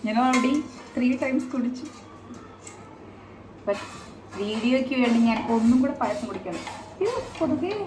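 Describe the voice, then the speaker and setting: A woman's voice: fairly high pitch, measured pace, long pauses. Chatty woman in her thirties, noisy home recording. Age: 30s. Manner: chatty and rambling, many hesitant filler sounds. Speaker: family vlogger. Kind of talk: casual chat to camera.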